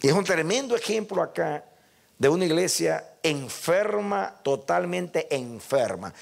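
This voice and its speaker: A man's voice: fairly high pitch, lively intonation, unhurried, creaky. An older male pastor preaching a sermon, emphatic and speaking directly to his congregation.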